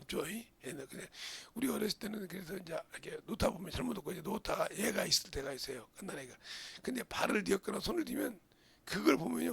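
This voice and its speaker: A middle-aged male pastor preaching a sermon with passion, often asking his congregation questions and breaking into loud outbursts. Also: sits high, creaky. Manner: asks the congregation questions, interjects "어?".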